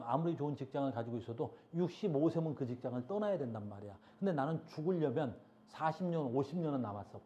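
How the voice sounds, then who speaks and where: A middle-aged man teaching a class, his pitch climbing and falling with every point. His voice is mellow and a little dark, carried on a dull, lo-fi classroom recording. He keeps checking whether the students follow him. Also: slight background noise. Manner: keeps asking "알겠니?" to check understanding; lively, chatty, scolds students in passing. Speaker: high school biology teacher. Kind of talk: classroom lecture.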